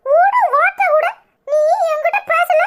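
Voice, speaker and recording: Casting: someone playing a cheeky cartoon grandson, Tirunelveli accent, very high, unhurried. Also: a bit bright. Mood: teasing. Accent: Tirunelveli Tamil. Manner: teasing, mischievous. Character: cheeky young grandson, playful and teasing. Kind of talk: cartoon voice acting.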